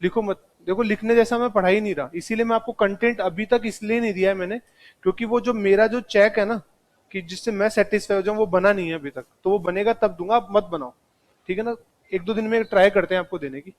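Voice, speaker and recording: A man's voice: sits high, fast. A man teaching a live classroom lecture, speaking straight to his students and mixing in English terms.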